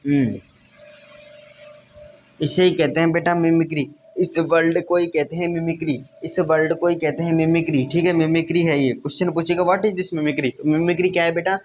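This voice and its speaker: A man with a fairly high, slightly mellow voice teaches a whiteboard science class at normal speed and in a steady tone. Repetitive by habit, he addresses students as "beta" and frequently checks that they've understood. The sound is lo-fi with a little hiss or hum.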